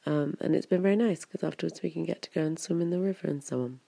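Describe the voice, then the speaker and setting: Fast and chatty, this woman in her 30s from Wiltshire hosts a podcast, rambling along with plenty of "like" and "kind of." She has a low, gravelly, dark-toned voice with no echo in the recording.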